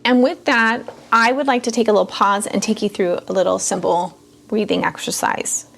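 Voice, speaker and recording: Gentle woman guiding self-care. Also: medium pitch, steady tone, normal speed, gravelly. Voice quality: gentle, conversational, many fillers. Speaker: self-care podcast host. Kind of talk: calm teaching talk with guided breathing.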